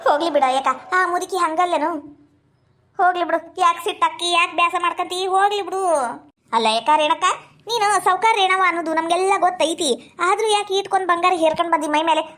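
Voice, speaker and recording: A woman's voice: extremely high pitch, fairly even intonation, fast talker, fairly bright tone. A woman with a North Karnataka Kannada accent in a scripted village comedy sketch, scolding and bickering. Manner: scolding, quarrelsome banter. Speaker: village women comedy cast.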